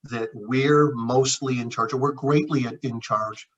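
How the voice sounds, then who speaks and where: A middle-aged man talks through his life lessons in an earnest, reflective tone, often turning to his co-host by name. His voice is husky at a middle pitch. The recording sounds dull and lo-fi. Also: fairly even intonation, measured pace. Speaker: naturopath and chiropractor. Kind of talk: heartfelt conversational storytelling.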